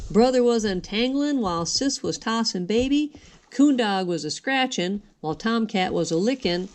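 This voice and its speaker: An older woman, a sweet grandmotherly lady, reading a storybook aloud in a folksy, rhythmic way with dropped g's. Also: medium pitch. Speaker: grandmother reading a picture book.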